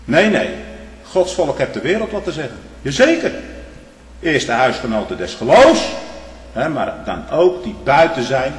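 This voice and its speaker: A man preaching a sermon in a church, tagging his phrases with "hè" and swinging from loud emphasis to hushed tones. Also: medium pitch, very animated, normal speed. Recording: echoey hall with long reverb.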